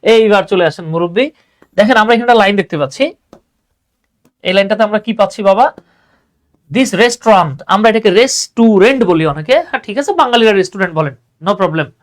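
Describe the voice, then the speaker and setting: A man's voice: high-pitched, fairly quick, long pauses. Chatty man teaching English. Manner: chatty, repeats "হ্যাঁ", mixes English terms into Bengali. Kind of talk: online class lecture.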